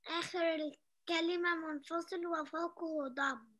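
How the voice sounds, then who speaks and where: A woman giving short, quiet answers in an online class. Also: extremely high pitch, steady tone, a little slow.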